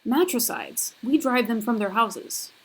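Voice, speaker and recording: A woman's voice: on the high side, a little slow, a bit bright, slightly rough, exaggerated voice, poor audio. A woman voicing an accusing ancient avenging spirit. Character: wrathful ancient female spirit, leader of avengers.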